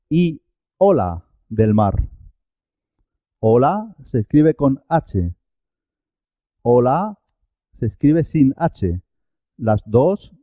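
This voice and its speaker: A man teaching Spanish pronunciation, slowly repeating each example word with careful articulation. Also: medium pitch, dry recording. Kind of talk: pronunciation lesson. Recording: dull, dry lo-fi sound.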